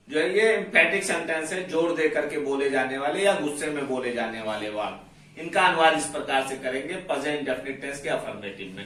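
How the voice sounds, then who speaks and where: A man teaching English grammar, explaining each rule step by step and slowly repeating his examples. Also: fairly high pitch, fairly bright tone, recorded from a distance. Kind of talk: slow classroom explanation. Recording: very echoey room, voice away from the mic.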